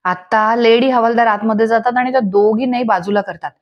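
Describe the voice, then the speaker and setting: Brief: young female recap narrator, lively storyteller, a touch high. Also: brisk, lo-fi sound. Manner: lively storytelling, voicing every character. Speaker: serial episode recap narrator. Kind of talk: retelling a TV serial episode.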